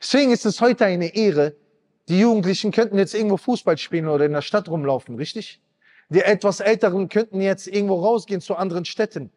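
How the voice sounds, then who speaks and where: A man's voice: expressive, fast talker, darkish tone. A man in his thirties giving an emotional sermon, impassioned and pleading, addressing the congregation directly. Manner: impassioned, rising to high pleading cries. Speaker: preacher. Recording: long reverb hall.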